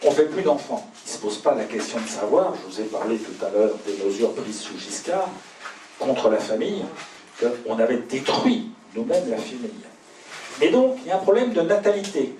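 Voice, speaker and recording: A man giving a talk in a pub and answering audience questions, speaking in a measured, deliberate way with pauses between phrases. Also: mid-range voice, big pitch swings, mellow. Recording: roomy, distant mic, faint pub hum.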